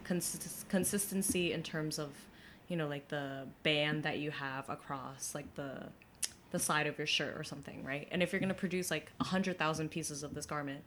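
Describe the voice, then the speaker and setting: A woman's voice: low voice, a bit bright, a little hiss or hum. A young woman from Brooklyn, a guest in an interview, telling her story in a chatty way with many fillers and restarts. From Brooklyn, New York.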